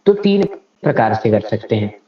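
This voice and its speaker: A man's voice: fairly low pitch, big pitch swings, normal speed. A man teaching Sanskrit grammar in a lecture, explaining it step by step and reciting grammar rules with care. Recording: echoey, slightly dull room recording.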